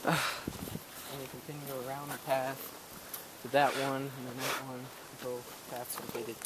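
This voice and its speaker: A man's voice: mid-range voice, level tone, a little slow. Blunt young man over outdoor noise. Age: young adult. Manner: blunt, teasing. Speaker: friend on camera. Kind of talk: casual banter. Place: outdoors in woods. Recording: noisy outdoor background.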